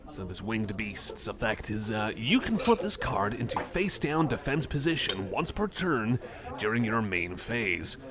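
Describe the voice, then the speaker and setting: A man with a lowish voice and big pitch swings speaks at a measured pace as a geeky, eager cyborg card fan in an ASMR roleplay. He rambles with hesitant apologies while a cafe crowd chatters behind him.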